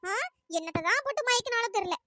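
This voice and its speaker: A performer voicing a domineering older mother-in-law who shouts and berates her daughter-in-law in a cartoon. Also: very high voice, expressive, fast, slight background noise, heavily acted. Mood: scolding. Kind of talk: cartoon voice acting.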